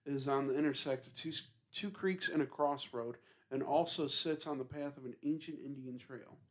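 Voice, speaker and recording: A man's voice: medium pitch, moderate pace. A young man co-hosting a casual paranormal podcast, reading notes aloud with lots of fillers and restarts. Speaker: podcast co-host. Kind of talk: casual chat.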